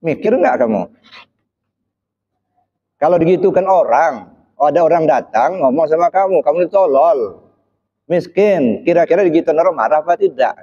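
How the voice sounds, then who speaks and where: A man's voice: on the high side, animated, fairly quick, long pauses, warm tone, husky. A man giving an interactive religious talk, putting questions to the audience and pressing them to answer, with frequent short "ya" checks between phrases. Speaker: Islamic preacher. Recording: slightly dull, muffled recording.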